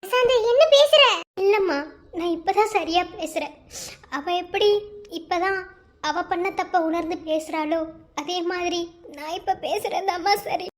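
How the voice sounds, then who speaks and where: A woman voicing a grieving young husband who speaks low, subdued and resigned in a cartoon drama. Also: a little slow. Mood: hurt.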